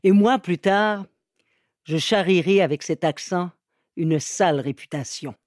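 Man, audiobook narration, high voice, dry close sound, measured reading. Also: no echo. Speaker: audiobook reader. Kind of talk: scripted narration.

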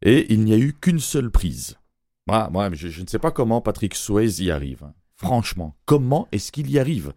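A fairly low-voiced man delivering a joking radio column into a studio mic, his pitch leaping up and down as he teases and laughs at his own asides. The sound is dry and close, with no room around it. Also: sing-song, normal speed, warm tone, no echo. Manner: joking, teasing, laughs between lines. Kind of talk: humorous radio chronicle.

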